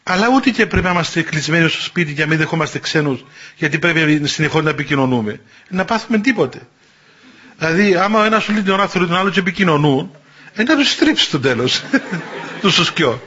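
A high, husky older man's voice that swoops widely up and down. He is a spiritual elder answering questions, telling homely stories with folksy humor. The sound is dull and lo-fi. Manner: animated, folksy, chuckling at his own stories. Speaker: Orthodox elder and confessor. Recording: dull lo-fi recording.

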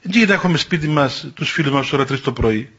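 A high, husky older man's voice that swoops widely up and down. He is a spiritual elder answering questions, telling homely stories with folksy humor. The sound is dull and lo-fi. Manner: animated, folksy, chuckling at his own stories. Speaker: Orthodox elder and confessor. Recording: dull lo-fi recording.

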